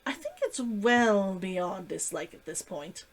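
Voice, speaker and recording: A curious, restrained adventurer man from a fantasy storybook, read by a woman. He speaks in a measured, questioning way at a medium pitch. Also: sing-song, heavily acted. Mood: puzzled, probing. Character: curious, restrained male adventurer named Richard. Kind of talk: acted dialogue in a story reading.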